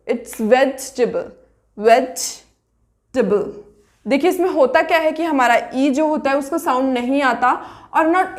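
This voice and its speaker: A woman with an Indian accent giving a casual pronunciation lesson, mixing Hindi and English and slowly repeating each word as a drill. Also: high voice. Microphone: writes on a board while talking.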